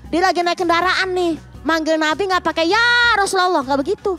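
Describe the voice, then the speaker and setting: Woman TV preacher, high bright voice, jokey and animated, soft music under her. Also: brisk. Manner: playful, acts out quoted voices loudly. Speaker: guest preacher. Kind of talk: lively comic religious talk.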